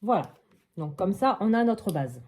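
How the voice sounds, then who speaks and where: A woman's voice: mid-range voice, very animated, a little slow, a little mellow, a little hiss or hum. A woman hosting a casual step-by-step crafting tutorial at her craft table at home, chatting and thinking aloud with many little hops and voilàs.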